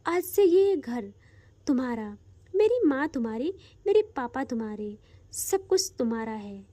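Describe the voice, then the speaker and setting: Woman voicing bossy young woman in love, talks low and firm, coaxing, storybook audio. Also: sing-song, a little slow, warm tone, no echo, full character voice. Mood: possessive.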